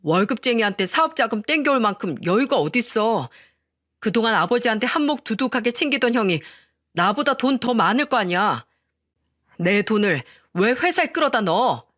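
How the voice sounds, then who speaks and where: A woman's voice: on the high side, sing-song, moderate pace, fairly bright tone, dry recording, studio quality. Woman voicing an indignant younger brother.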